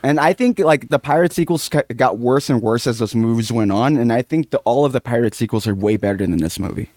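A man co-hosting a movie review chat, talking in a relaxed way and saying "like" a lot. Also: mid-range voice, brisk, dry recording, studio quality. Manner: relaxed, filler-heavy, says "like" often. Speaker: podcast co-host reviewing movies. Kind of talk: casual chat.

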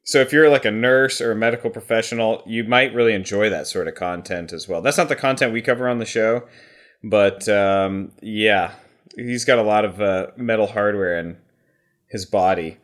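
A man's voice: lowish voice, moderate pace, fairly bright tone. A man co-hosting a casual podcast, joking around and rambling playfully as he talks. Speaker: podcast co-host.

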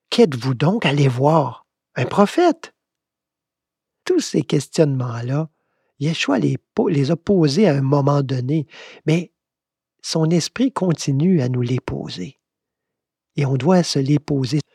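Man, Québécois accent, husky, gravelly, dry close sound, reflective Bible teaching. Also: medium pitch, a little mellow, dry recording. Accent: Québécois French. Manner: reflective, questioning, unhurried. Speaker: spiritual teacher. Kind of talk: conversational Bible commentary.

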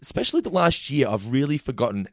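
A man in his twenties co-hosting a podcast, briskly running through an episode review with a teasing edge. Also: mid-range voice, big pitch swings, dry recording, clean studio sound. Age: 20s. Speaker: podcast co-host. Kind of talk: casual chat and episode review.

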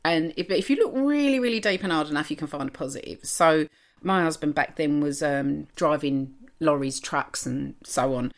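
An older East London woman co-hosting a chat podcast, her voice sitting a little low. She talks in an earthy, self-mocking way and laughs easily. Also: normal speed. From East London, England. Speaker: podcast co-host. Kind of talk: casual chat.

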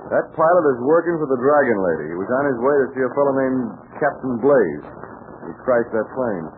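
A man's voice: medium pitch, very animated, fairly quick, close to an everyday voice. Easygoing wry adventurer played by a man, tinny. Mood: wry, thoughtful. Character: easygoing, wry grown American adventurer, steady companion. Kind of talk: 1940s radio acting. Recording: scratchy, phone-like 1940s radio recording.

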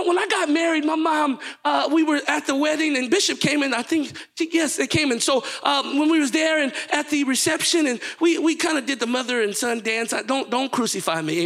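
A young male preacher delivers a sermon in a church with a very high, bright voice. He swings between quiet storytelling and shouted, fervent preaching. He keeps calling out to the congregation for a response. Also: gravelly.

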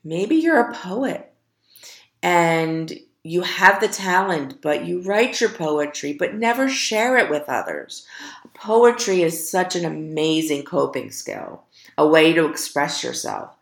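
Slow, gravelly-voiced woman podcast host. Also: low voice, lively intonation, roomy sound. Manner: encouraging, earnest, speaks slowly with emphasis. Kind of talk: motivational podcast monologue.

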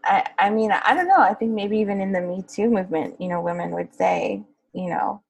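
Husky, chatty woman podcaster. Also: medium pitch, fairly quick, a little mellow, low-quality recording. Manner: chatty, laughs easily, many fillers. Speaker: podcast co-host, clinician. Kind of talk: casual podcast discussion.

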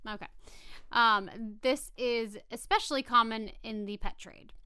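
Bright, high-voiced woman podcast co-host. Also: a little slow, smooth, dry recording, clean studio sound. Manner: giggly, expressive, stumbles playfully over scientific words. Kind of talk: casual animal-facts talk, reading notes with chatty asides.

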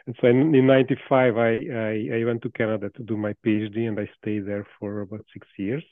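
A man in his fifties from Hungary, speaking English with a Hungarian accent over a tinny, phone-like line. The sound is dry and close, with no room around it. He talks in a thoughtful, halting way, restarting phrases and laughing softly. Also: fairly low pitch, level tone, no room sound. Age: 50s. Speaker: AI researcher, guest. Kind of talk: casual interview talk. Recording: dry tinny call audio.

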